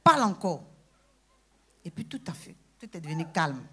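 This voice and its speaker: A woman giving a lively personal testimony in church, breaking into praise exclamations and acting out conversations. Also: fairly low pitch, normal speed, breathy edge. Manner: exclaims praise, acts out dialogue.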